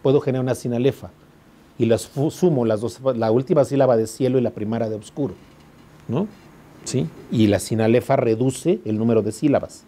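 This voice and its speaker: The speaker is a law school teacher with a Mexican accent whose medium-pitched voice has a dark tone and a slightly quick pace. During his classroom lecture he explains patiently and often asks if the students are keeping up.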